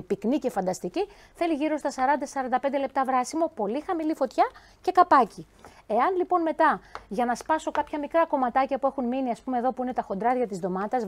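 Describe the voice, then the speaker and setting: Lively chatty woman chef. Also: a little high. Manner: lively, chatty, addresses viewers directly. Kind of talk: cooking demonstration.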